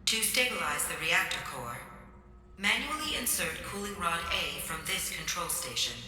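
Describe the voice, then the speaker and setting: A woman voicing a calm female station computer that gives measured, impersonal warnings in a video game. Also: lowish voice, far from the mic, a little hiss or hum, exaggerated voice. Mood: calm instructing. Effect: calm automated computer announcement. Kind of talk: video game cutscene dialogue. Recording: echoey hall voice from afar, loud music behind.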